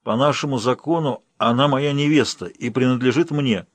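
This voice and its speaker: A man's voice: mid-range voice, normal speed, no echo, lightly acted. A man reading an audiobook, voicing a wounded young nobleman who speaks faintly, barely moving his lips. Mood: weak.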